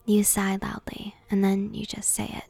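Whispered role-play narrator: woman, creaky, breathy, flat, close and dry. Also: mid-range voice, normal speed, dry recording. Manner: soft, intimate second-person whisper.

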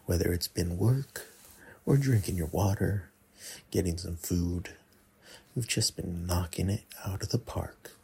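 Man, ASMR role-play, very breathy and husky, unhurried, coaxing, intimate, close in the ear. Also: deep voice. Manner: close, breathy murmur right in the listener's ear, slipping into soft voice; slow, coaxing, teasing delivery with many pauses. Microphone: close mic.

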